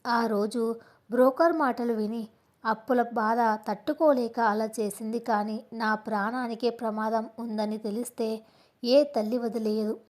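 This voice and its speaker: A woman's voice: a little high, fairly even intonation, unhurried, darkish tone, natural voice. A woman voicing a frightened, tearful teenage girl who pleads desperately in a storybook reading. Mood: pleading. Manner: desperate, pleading, breathless run-on speech.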